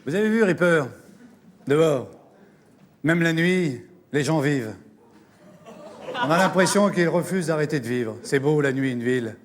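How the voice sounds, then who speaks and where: A man's voice: fairly high pitch, expressive, moderate pace, pauses often, close to an everyday voice. A man playing a dreamy, dim-witted FBI inspector with earnest, wistful musing. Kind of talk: film comedy dialogue.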